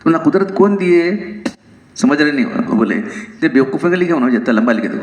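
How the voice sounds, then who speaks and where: A man with a somewhat high voice gives a religious lesson to listeners. He explains step by step and often asks rhetorical questions. His voice rings around a reverberant room. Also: animated. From South Asia. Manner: explanatory, rhetorical questions, occasional amused laughs. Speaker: religious teacher. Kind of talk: religious lecture.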